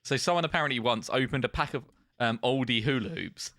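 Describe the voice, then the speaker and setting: A man from Essex, co-hosting a podcast and telling animated stories with plenty of swearing. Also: medium pitch, quick pace, no echo, clean studio sound. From Essex, England. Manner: animated storyteller, swears freely. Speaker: podcast co-host. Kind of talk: casual chat.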